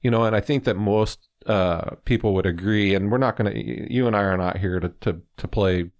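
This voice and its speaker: A man's voice: lowish voice, fairly quick, darkish tone. A man from California co-hosting a sports talk show, explaining at length in a rambling way full of fillers. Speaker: sports podcast co-host.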